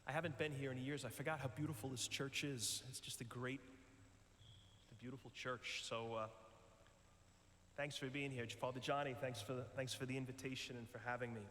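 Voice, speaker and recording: Priest in a big echoing church. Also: male voice, mid-range voice, steady tone, a little fast, fairly bright tone, slight background noise. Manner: conversational storytelling with frequent fillers. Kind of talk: retreat talk to a parish. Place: large church. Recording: echoey church with long reverb.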